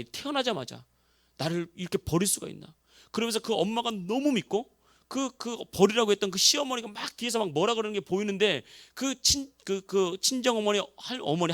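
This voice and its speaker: Man preaching a sermon, high voice, lively pitch, emphatic storytelling, dry close sound. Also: no room sound. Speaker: pastor. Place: church sanctuary.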